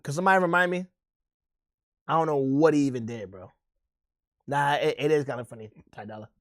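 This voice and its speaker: A man's voice: medium pitch, brisk. Slangy young-sounding male streamer, trailing off. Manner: slangy drawl that trails off quietly. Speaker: streamer reacting to a video. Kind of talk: casual chat.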